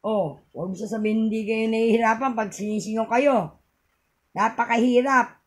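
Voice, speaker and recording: A woman's voice: a little high, steady tone, normal speed. A middle-aged woman with a Filipino accent, giving a home tip in a casual, rambling vlog and laughing often. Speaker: vlogger.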